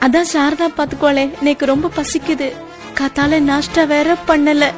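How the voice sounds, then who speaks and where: Girl doing a heartbroken young widow, teary and defiant, really high voice. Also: flat delivery, normal speed, soft background music, close to an everyday voice. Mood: meek. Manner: tearful, defiant. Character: young widow, grieving and bitter.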